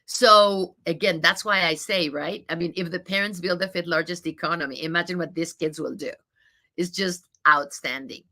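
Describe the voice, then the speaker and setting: With a bright, forceful tone and a fairly low voice, a think tank CEO from Mexico talks informally through a lot of data. She is middle-aged, has a Mexican Spanish accent, hammers her points home by repeating them, and often tags on "you know" or "right?".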